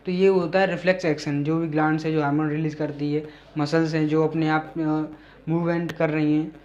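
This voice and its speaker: A man with a fairly high voice lectures on biology in a lesson video. He reads textbook definitions in English at a slow, careful pace and then explains them in Hindi, often pausing on fillers as he searches for words. The sound is dull and lo-fi. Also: flat delivery, darkish tone. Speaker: teacher.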